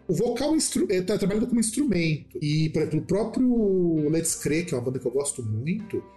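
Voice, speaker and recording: A man interviews a guest in an easy, enthusiastic way, his voice mellow and warm while his pitch leaps around a lot. Soft music sits faintly underneath. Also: very animated, a little fast. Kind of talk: casual interview chat.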